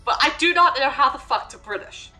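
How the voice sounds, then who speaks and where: Young woman streamer, chatty and blunt, swears a lot, bouncy bright voice. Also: high-pitched, animated, a little fast, soft background music, poor audio. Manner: blunt, swearing, laughing often. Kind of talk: casual gaming commentary.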